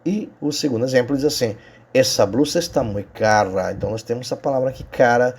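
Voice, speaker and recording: A man's voice: medium pitch, fast, a little mellow, breathy edge. A man with a Brazilian Portuguese accent teaches a recorded Spanish lesson. He explains each point patiently and keeps checking in with his students.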